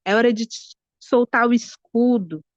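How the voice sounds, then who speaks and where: A woman's voice: fairly high pitch, a little slow, no echo. A woman giving a heartfelt church testimony, earnest and pleading as she recounts prayer. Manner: emotional, quotes God in an earnest pleading voice. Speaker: women's ministry member giving testimony. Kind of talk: spoken testimony. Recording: dull, muffled lo-fi sound.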